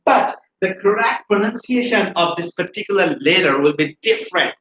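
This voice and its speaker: A high, bright-voiced man teaches English pronunciation with lively energy, repeating each word for his students to echo back. The recording sounds roomy and a little dull, with faint hiss underneath. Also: drawn-out words. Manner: energetic, repeats words for students to say after him. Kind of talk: classroom-style video lesson, mixing Bengali and English.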